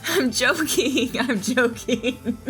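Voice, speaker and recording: Slow and a little high, with a slightly bright tone, a woman voices a loving mother who both narrates and speaks to her child in an audio drama. The mood is playful and her manner reassuring and teasing, with music playing under her voice.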